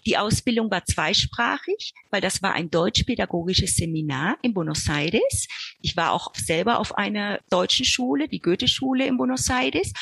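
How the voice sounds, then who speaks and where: A woman's voice: mid-range voice, vocal fry, a bit bright, slightly rough, no room sound. A middle-aged woman from Argentina, an early childhood educator, answering interview questions earnestly and explaining with examples.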